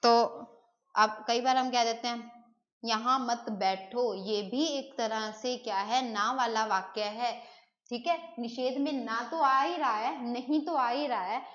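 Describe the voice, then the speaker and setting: This woman's voice sits a little high and sounds fairly bright, her pace is slow, and the recording loses its highs. Running a live online Hindi grammar lesson, she talks in a relaxed, chatty way, responds to messages from students, and mixes in English words.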